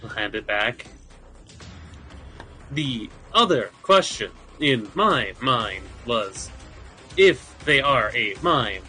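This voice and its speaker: A man putting on a robot voice for a formal, measured construct character in a tabletop game. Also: medium pitch, bright, forceful tone, exaggerated voice. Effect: robot voice put on by mouth, no filter.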